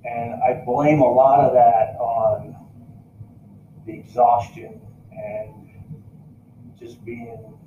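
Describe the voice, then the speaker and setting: A man's voice: medium pitch, flat delivery, very slow, long pauses, slight background noise. An older man talking casually to his viewers, earnest and encouraging, often repeating and restarting his words. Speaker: vlogger addressing viewers. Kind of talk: casual talk to camera. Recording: roomy, slightly dull recording.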